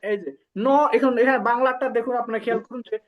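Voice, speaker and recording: A man with a Bangladeshi Bengali accent teaching an online language class, slowly saying syllables for students to repeat. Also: very high-pitched, steady tone, highs cut off. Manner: slow drilling, repeating syllables for students to echo.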